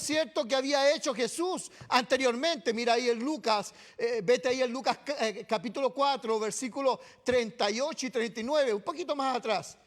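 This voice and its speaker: Chilean male pastor, very high voice, sermon, keeps checking in with the congregation. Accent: Chilean Spanish. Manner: keeps adding "¿cierto?" and "amado" to address the congregation. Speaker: preacher. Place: church.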